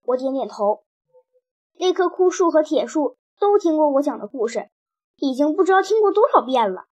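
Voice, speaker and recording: High-pitched female narrator for an expressive children's audiobook. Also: moderate pace. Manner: expressive first-person storytelling. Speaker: storyteller.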